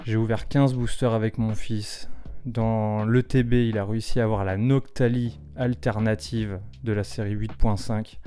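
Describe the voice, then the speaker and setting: A man in his thirties opening trading cards on his channel, chatting casually and exclaiming loudly over his pulls. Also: on the low side, level tone, moderate pace. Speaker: card-opening YouTuber. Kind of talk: casual vlog commentary.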